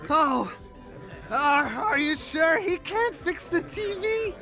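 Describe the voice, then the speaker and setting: A man's voice: extremely high pitch, animated, slow, vocal fry, sharp tone, faint music behind, full character voice. A man voicing a doddering, befuddled old retired superhero in a cartoon game, given to theatrical proclamations. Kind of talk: cartoon video game voice acting.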